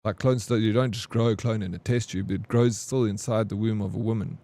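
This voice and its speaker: A man's voice: lowish voice, fairly even intonation, a little fast, warm tone. A man in his forties chatting casually with his live-stream chat, joking and answering comments. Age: 40s. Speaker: game streamer.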